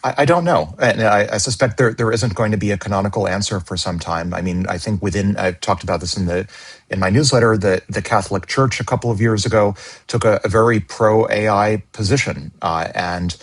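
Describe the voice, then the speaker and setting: Podcast panelist, male, lowish voice, stammering restarts, speculative tone. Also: fairly quick, slightly rough. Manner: stammering word repeats, speculative. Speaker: regular panelist on a tech podcast. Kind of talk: casual panel discussion.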